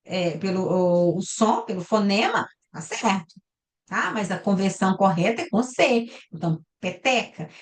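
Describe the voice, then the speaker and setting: Brazilian woman lecturing over a video call, kinda high voice, keeps checking in with "tá?". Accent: Brazilian Portuguese. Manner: explains step by step, often ending with "tá?" and "né?". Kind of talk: recorded online class lecture. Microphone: computer mic on a video call.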